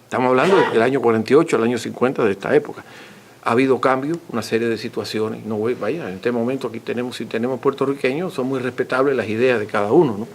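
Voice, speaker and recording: A man's voice: medium pitch, steady tone, quick pace. A man gives an extempore scholarly talk as a lecturer, teaching courteously and repeating points for emphasis. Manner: didactic, emphatic repetition, courteous. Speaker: author and lecturer answering audience questions.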